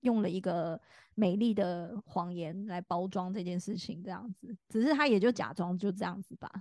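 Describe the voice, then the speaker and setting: A woman's voice: fairly low pitch, moderate pace, a little mellow, no echo, studio quality. A woman, co-hosting a podcast in rambling casual chat full of fillers and restarts. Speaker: podcast co-host.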